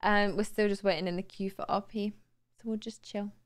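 Late at night, a young adult woman streams from her home room, tired and slightly raspy, chatting and thanking viewers into a boom studio mic close to her mouth. Her mid-range voice is steady and a little fast. She's chatty and bubbly and laughs easily.

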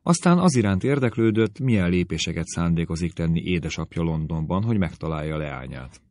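A man reading a classic novel aloud as an audiobook narrator, calm and measured. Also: low voice, no echo, studio quality. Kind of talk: scripted narration.

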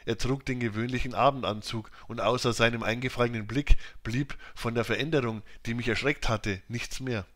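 A man reading a classic novel as an audiobook narrator, with steady, measured storytelling. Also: medium pitch. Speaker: audiobook reader.

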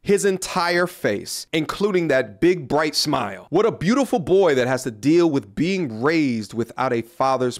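A man in his thirties delivering a pointed, earnest commentary on a studio microphone in a small room. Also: fairly high pitch. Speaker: commentary YouTuber. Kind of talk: scripted commentary video. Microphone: studio mic on a boom in front of him.

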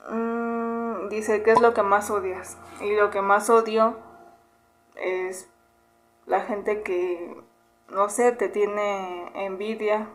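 Recorded in a small bedroom on a camera held close, this casual Q&A vlog features a Mexican YouTuber in her twenties answering viewer questions. Her voice is mid-range with a Mexican Spanish accent, and she stays relaxed and chatty, humming between questions.

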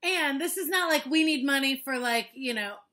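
Woman podcast co-host, high and bright, chatty and laughing, casual home laptop chat. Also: moderate pace. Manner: chatty, laughs often, swears.

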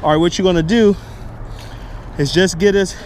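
High lively young guy fishing off a bridge, keeps yelling and repeating stuff, action cam, lots of outdoor road noise. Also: normal speed. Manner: excitable, hollers and laughs, repeats himself. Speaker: fishing vlogger. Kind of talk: excited fishing commentary. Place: outdoors on a bridge over the sea. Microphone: action camera.

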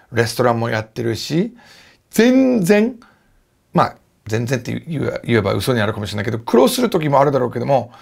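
Lively man teaching, gravelly. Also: mid-range voice. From United States. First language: English. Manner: animated, lively explaining. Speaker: English teacher. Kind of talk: casual video lesson.

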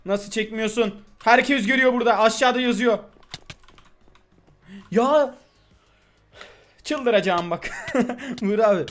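Young man, high voice, gaming host, excitable, playful, exclamatory. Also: unhurried, long pauses. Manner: loud, playful, exclamatory, protesting innocence. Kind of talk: excited gameplay chat with a friend.

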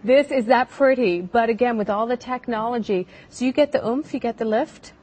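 A woman hosting a live home shopping show, giving a conversational sales pitch in a TV studio. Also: moderate pace, a little mellow.

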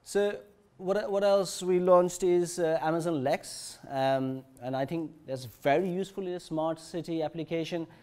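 Male conference presenter, somewhat high pitch, halting delivery with frequent fillers and restarts. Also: darkish tone, clean tone. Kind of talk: technical conference talk. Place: conference session room.

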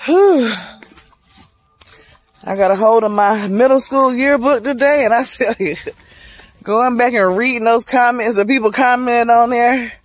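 Walking a wooded trail, a Charlotte, North Carolina vlogger in her late thirties holds her phone at arm's length and shares chatty, reflective, motivational thoughts with viewers she calls "y'all." She speaks a little slowly, leaving long pauses, in a slightly high voice.

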